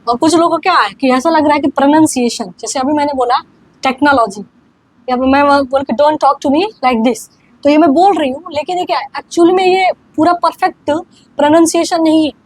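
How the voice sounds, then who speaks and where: A young woman with a high voice talks quickly, teaching a relaxed online grammar class as an English teacher. She keeps checking that her students are following and dictates examples one word at a time. The recording quality is poor.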